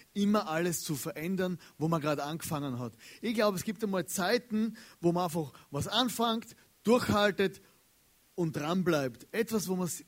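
A man preaching a casual, slangy sermon. He is chatty and animated, and keeps checking in with his listeners. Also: fairly high pitch.

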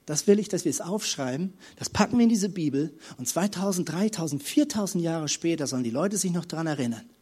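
Easygoing, approving God, voiced by a male preacher, soft and unhurried, fairly high voice. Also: animated, husky.

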